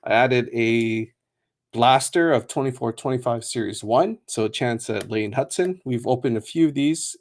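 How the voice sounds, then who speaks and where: A man's voice: medium pitch, darkish tone. A man hosting a live sports card break, chatting casually to viewers in a loose way, with lots of fillers and self-corrections.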